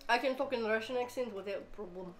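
A woman's voice: a little high, quick pace, distant mic. A young woman tossing in joking, playful asides as a co-host in casual banter. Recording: off-mic in an echoey room, faint noise.

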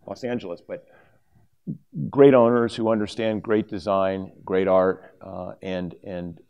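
A man's voice: deep voice, flat delivery, measured pace, creaky, dull audio. A middle-aged man giving a conference talk from a lectern, speaking casually with frequent fillers and restarts. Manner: conversational, with many fillers and restarts. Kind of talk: conference presentation. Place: conference hall stage, at a lectern. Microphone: lapel mic.

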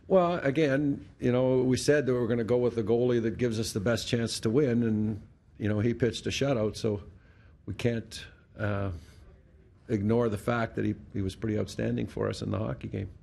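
This is a middle-aged Canadian hockey head coach at a post-game press conference, answering reporters through a desk mic on a stand against a sponsor backdrop. He has a medium-pitched, darkish voice with vocal fry, fairly even intonation and normal speed. Blunt and matter-of-fact, he restarts words often.

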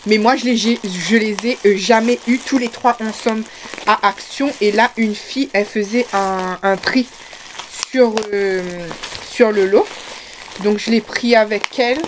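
A woman's voice: medium pitch, steady tone, measured pace, noisy background. A woman with a Réunion French accent, chatting casually to camera as she unboxes parcels, full of fillers and restarts. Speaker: vlogger.

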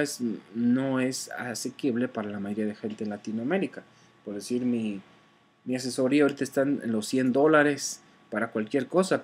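An online sales instructor teaches car sales casually, often checking in with his listener by adding "¿verdad?" and correcting himself as he goes. His medium-pitched voice is husky, and he uses frequent fillers.

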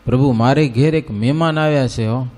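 A storyteller playing an eager, humble village devotee who talks in an earnest, folksy way. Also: male voice, medium pitch, brisk, a little mellow, lightly acted. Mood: apologetic.

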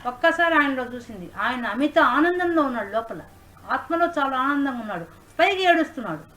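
A woman's voice: high voice, expressive, brisk, fairly bright tone, poor audio. A woman spiritual teacher explaining scripture in an online class, mixing in English words.

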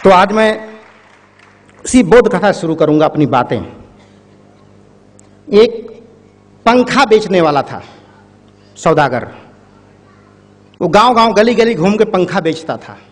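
Male public speaker, high-pitched, storytelling, addresses the crowd directly, reverberant hall. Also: lively intonation, takes it slowly, long pauses. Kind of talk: motivational speech with a parable. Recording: echoey hall.

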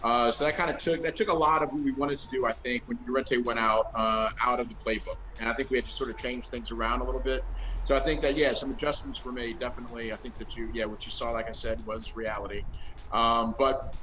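A man's voice: mid-range voice, fairly even intonation, quick pace, pushed and bright, slight background noise, poor audio. A middle-aged man giving casual football analysis over a video call from a room at home, thoughtful and hedging with lots of fillers. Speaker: co-host analyst. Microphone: video call webcam.

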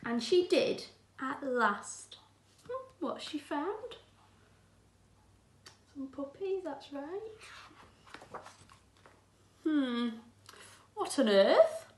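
An infant teacher from England reads a picture book aloud to young children, expressively and with encouraging asides, in a small room at home. Her voice is high-pitched and very animated, very slow, with long pauses. The sound is roomy and echoey, with slight background noise.

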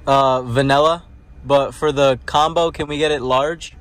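A man's voice: medium pitch, fairly even intonation, unhurried, fairly bright tone. A man ordering food at a drive-through from a car, in a casual, offhand way. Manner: casual, teasing. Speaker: vlogger.

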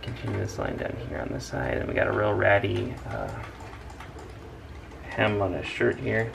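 A man, a dad, casually talking through a drawing step by step in an unhurried way. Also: fairly low pitch, expressive, gravelly, background noise. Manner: unhurried, talks through each stroke. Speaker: dad drawing on a family channel. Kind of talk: casual drawing tutorial narration.

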